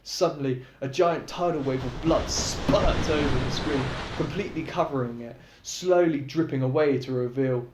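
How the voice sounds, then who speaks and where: A man's voice: mid-range voice, moderate pace, few pauses, very noisy. A young man reading his own book aloud, narrating in a casual, chatty way with asides to listeners. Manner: casual, chatty, laughs between chapters. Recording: echoey room.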